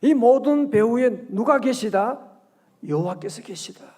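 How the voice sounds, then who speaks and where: High-voiced man preaching lively. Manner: lively and conversational, prods the congregation with questions; reads scripture aloud slowly. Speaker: pastor. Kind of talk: early-morning prayer sermon.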